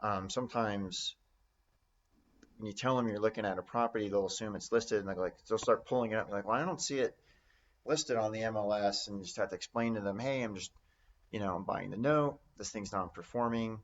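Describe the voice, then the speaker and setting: A man whose voice sits on the low side and moves a little quickly gives relaxed, conversational lessons on real estate note investing. He demonstrates sample phone calls through role-play, and the highs are cut from the recording.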